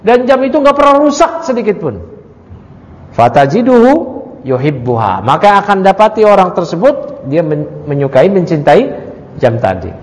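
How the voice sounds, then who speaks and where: Lively high-voiced male religious teacher. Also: normal speed. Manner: reads Arabic then explains it in casual chat; jokes and quizzes the audience. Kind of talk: study-circle lesson on a creed text. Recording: long hall reverb.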